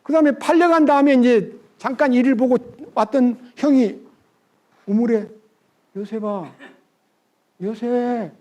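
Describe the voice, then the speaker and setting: A man preaching a sermon as a pastor, retelling a Bible story and acting out the characters' lines with sudden leaps in pitch and loudness. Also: normal speed, muffled recording. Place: church.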